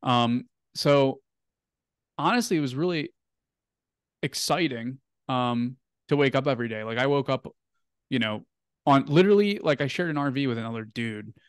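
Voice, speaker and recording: A man's voice: mid-range voice, lively intonation, moderate pace, smooth, no room sound, clean studio sound. A young man telling a story as an interview guest, casual and rambling, full of "like" and "um". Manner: rambling, filler-heavy, "like" and "um" often.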